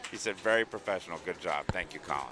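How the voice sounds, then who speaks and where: This stream host is a middle-aged man from Long Island, New York, who talks fast in a low-pitched voice. In a tournament hall with a loud crowd behind him, he reads chat messages and ads in a chatty, cheerful manner.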